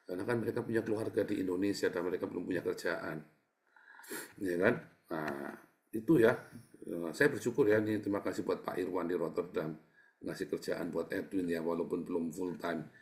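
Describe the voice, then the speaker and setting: Deep-voiced and steady in tone, a middle-aged pastor speaks fairly quickly in a chatty, casual sermon. He repeatedly addresses his listeners as brothers and sisters, turning to them often and shifting between quiet asides and loud, emphatic outbursts.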